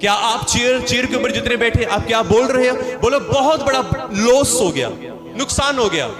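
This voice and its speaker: A very high-pitched man preaches to a seated congregation, with loud music running under his voice. He tells a story and repeats phrases for the people to say back. He acts out the voices in the story and rises to shouted praise. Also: normal speed. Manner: repetitive, calls on the congregation to repeat lines; acts out the characters' quoted lines. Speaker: pastor. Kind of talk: sermon with storytelling. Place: church hall with seated congregation.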